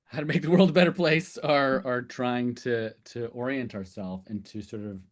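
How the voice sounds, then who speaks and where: A man's voice: mid-range voice, normal speed. Conversational man giving a talk. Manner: loose and conversational, with many "um"s and "uh"s. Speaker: speaker and sessional lecturer. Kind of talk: conference talk.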